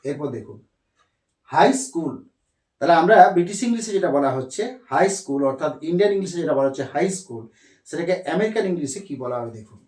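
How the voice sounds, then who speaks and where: Guy teaching english words, higher voice, spells stuff out slow, echoey room. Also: expressive, a little mellow. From India. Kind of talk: explaining lesson on a board.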